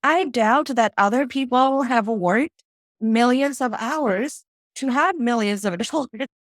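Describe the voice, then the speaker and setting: A woman's voice: a little high, slow, no room sound. A woman from Fiji, a financial strategist, speaking as a guest in a casual interview and telling her story reflectively, often checking in with "right?" and "you know".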